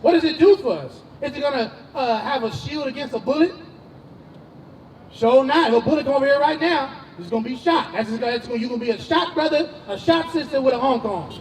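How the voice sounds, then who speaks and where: A man preaches outdoors in an emphatic, slangy way, his voice pitched very high. He is picked up from a distance. Street and traffic noise runs clearly behind him. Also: fast. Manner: emphatic, slangy, questioning the crowd. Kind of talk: street preaching, calling on a reader.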